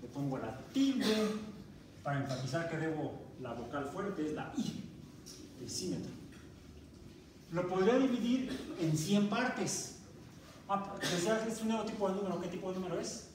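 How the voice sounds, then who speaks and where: A university math teacher with a Mexican Spanish accent lectures his class at a moderate pace, his voice slightly high for a man. He often puts questions to the students and cuts words off partway through. Captured by a distant camera in the classroom, the recording carries heavy echo and constant background noise.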